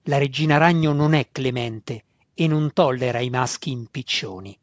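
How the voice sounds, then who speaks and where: A man voicing a menacing, imperious female creature that serves a spider goddess, with a low growling delivery, in a dull, dry recording. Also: moderate pace, dry recording, lightly acted.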